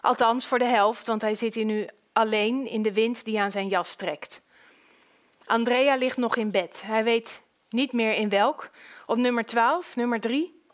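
A woman narrating an audiobook with a fairly high voice. Her reading is calm and measured. She keeps an even storytelling pace.

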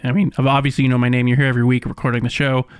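A man hosting a casual podcast, bantering, laughing often and firing off quick questions. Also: medium pitch, flat delivery, smooth, dry recording, studio quality. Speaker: podcast host.

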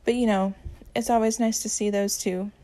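A woman reading a romance story aloud, with a gentle, even storytelling manner and small voice changes for the dialogue. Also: medium pitch, moderate pace. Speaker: audiobook narrator.

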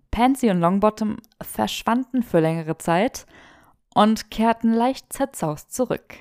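A woman narrates a fan fiction audiobook in a steady storytelling voice. Her tone has a gravelly fry, and the recording is close and dry, with no room sound. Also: medium pitch, dry recording. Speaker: audiobook reader.

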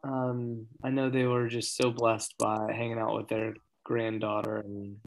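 Gravelly, easygoing podcast co-host. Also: male voice, on the low side, little pitch movement, measured pace, rough recording. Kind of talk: casual faith podcast chat.

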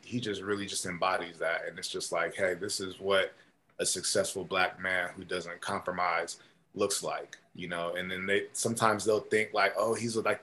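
A man telling stories as a podcast guest in a casual, animated way, with many fillers and restarts. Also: deep voice, slight background noise. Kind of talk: casual storytelling.

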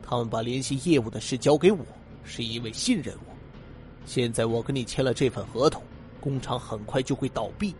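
A man's voice: medium pitch, fairly quick, a little mellow, faint music behind, voice pushed down, close to an everyday voice. A man voicing a despairing male salesman, bitter and hopeless.

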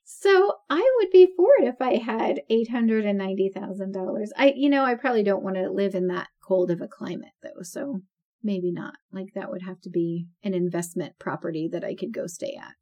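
In dull audio, a woman in her forties talks fairly quickly at a medium pitch while co-hosting a podcast. She's chatty and laughs often, with plenty of fillers throughout the relaxed chat.

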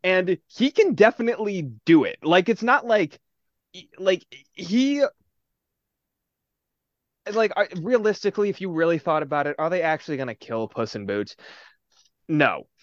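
A young man chats casually on a podcast, his pitch swinging widely as he gets worked up. He sits slightly high for a man and laughs through his retelling. The sound is dry and a little dull and lo-fi. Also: moderate pace, pauses often, no room sound. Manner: animated, laughing, swearing, acts out quotes. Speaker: podcast co-host. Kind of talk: casual chat.

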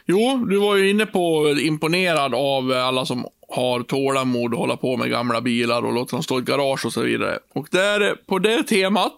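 A man co-hosting a podcast, telling a story in a lively, casual way and swearing freely. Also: mid-range voice, creaky, few pauses, dry recording, studio quality. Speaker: podcast co-host. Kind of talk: casual chat.

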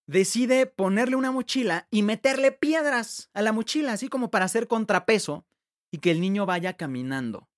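A man hosts a faith podcast, talking in a conversational way and retelling a story with quick asides and restarts. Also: sits high. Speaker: podcast host. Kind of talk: reflective faith podcast talk.

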